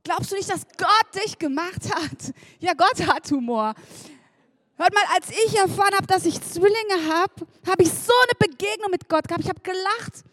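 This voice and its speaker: A woman preaching a sermon, lively and chatty, laughing and talking straight to the congregation. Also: extremely high pitch, normal speed.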